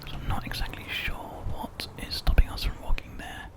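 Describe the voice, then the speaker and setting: This is unhurried ASMR gaming commentary from a British man who whispers breathily with his mouth very near the microphone, keeping the tone gentle.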